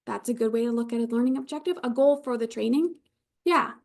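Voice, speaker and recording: A woman's voice: fairly high pitch, fast, gravelly, a little mellow. A woman with an Upper Michigan Yooper accent leading an online training as an informal, conversational instructor who reassures her learners. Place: live online video session.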